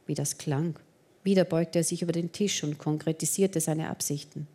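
A woman narrating a romance novel in the first person, in a measured, expressive reading. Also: sits low. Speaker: audiobook narrator.

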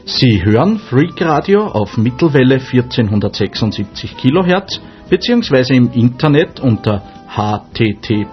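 A man gives a station identification over guitar music, heard through a dull, narrow-band AM radio broadcast. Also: medium pitch. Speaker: station announcer.

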